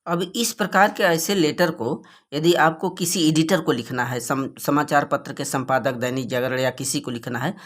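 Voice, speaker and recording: This man's voice is on the high side and fairly bright, with the North Indian accent of a native Hindi speaker. He's an English teacher for board exam students giving an explanatory exam lesson, reading the English slowly phrase by phrase and then explaining it in a didactic way.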